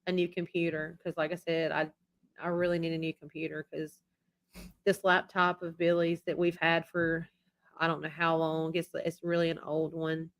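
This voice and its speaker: Her voice is deep, her delivery flat, and her speed normal as this woman hosts her channel's live stream. Still losing her voice after an illness, she chats casually, rambling and repeating herself.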